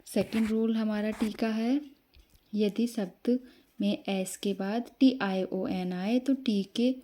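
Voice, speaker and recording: Teaching English pronunciation at a slow, explanatory pace, this woman spells words letter by letter and answers the very questions she puts to the class. Her voice is dark in tone and medium in pitch.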